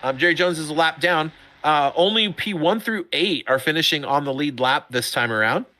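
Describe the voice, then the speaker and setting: Excitable male sim racing commentator. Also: a little high, moderate pace. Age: middle-aged. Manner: excitable, chatty, laughs often. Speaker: race commentator.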